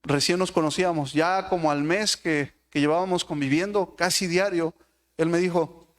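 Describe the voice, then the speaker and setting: A man preaches a sermon, addressing the congregation with one rhetorical question after another. His voice sits high for a man. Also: steady tone, normal speed. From Mexico.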